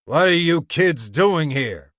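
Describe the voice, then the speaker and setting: A man's voice: fairly high pitch, lively intonation, slow pace, a bit bright, dry recording, studio quality, pitched above the performer's own voice. A man reading aloud and voicing a large, ugly bully in a crime story who growls out his demands.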